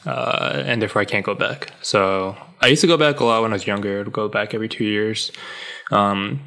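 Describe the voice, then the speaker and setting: Low-voiced laid-back young man. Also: fairly even intonation, a little fast, gravelly, pushed and bright. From Singapore. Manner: laid-back, hesitant with ums. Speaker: podcast co-host. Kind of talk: casual chat.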